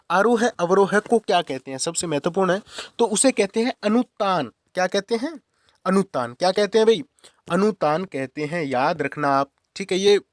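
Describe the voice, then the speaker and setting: A man's voice: high voice, dry recording, studio quality. A young man teaching Hindi grammar as a quiz, casually repeating each question and answer to drill it in. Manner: casual, addresses viewers as friends and brother. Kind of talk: quiz-style exam-prep lesson.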